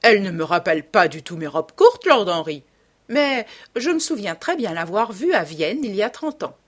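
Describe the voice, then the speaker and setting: A woman's voice: mid-range voice, sing-song, moderate pace. A woman voicing an elderly aristocratic hostess who is gossipy and teasing, reading an audiobook with exclamatory emphasis.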